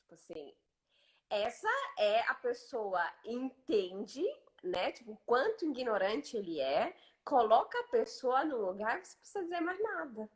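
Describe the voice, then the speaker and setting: A woman's voice: on the high side, big pitch swings, unhurried. A Brazilian woman hosting a casual live chat, talking emphatically and eagerly repeating her agreement. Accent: Brazilian Portuguese. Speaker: host.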